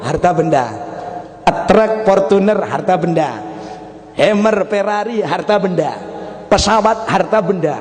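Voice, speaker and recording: A middle-aged man giving a humorous sermon, telling stories and chanting lists in a drawn-out singsong. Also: high voice, a little mellow. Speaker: preacher. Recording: reverberant hall, faint background noise.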